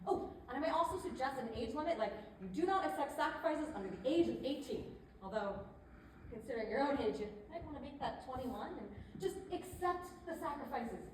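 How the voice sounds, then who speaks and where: On an indoor theater stage, a woman plays a chatty image consultant in a comedy, pushy but tactful, coaxing and persuasive with hesitant asides. Her voice is high-pitched, animated and brisk. The recording is echoey, with a distant mic and faint noise.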